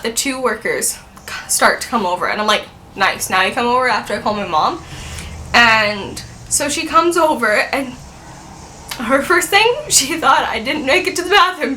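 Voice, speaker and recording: A woman in her twenties chats through a storytime vlog. She rambles and leans on "like". Her voice sits a little high and has a bright, sharp edge, with a faint hiss behind it. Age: 20s. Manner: chatty, rambling, heavy use of "like". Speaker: vlogger.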